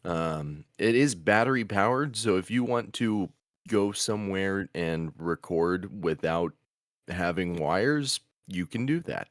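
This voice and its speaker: This voice actor and show host from Oklahoma, USA, speaks in a very deep voice, taking his time as he chats casually about his craft. His intonation is lively, and he wanders, starts over and laughs along the way. Recorded in a padded booth, his voice comes across close and dry, free of echo or any room tone.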